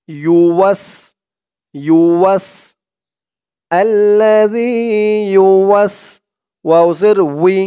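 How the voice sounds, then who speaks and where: A man teaching Quran reading, spelling out Arabic words letter by letter and chanting them slowly for viewers to repeat. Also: high-pitched, mellow, clear, resonant tone. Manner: slow, patient drilling with drawn-out chanted recitation; addresses viewers directly as "dorshok".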